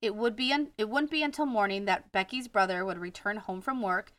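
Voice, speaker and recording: Her Wisconsin accent comes through as she co-hosts a casual true-crime podcast, reading from notes, sometimes stumbling over names and laughing at herself. Her mid-range voice is brisk with a fairly bright tone. There's no echo, and the mic is distant.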